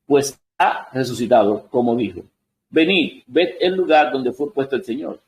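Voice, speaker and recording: A man teaches a Bible study in Spanish-language style, reading scripture passages at an ordinary middle pitch. He pauses to pose questions and answers them himself, as a patient teacher would. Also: a little mellow, poor audio. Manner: reads scripture aloud, then asks and answers his own questions; adjusts on-screen text while talking. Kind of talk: Bible study lesson reading and explaining verses.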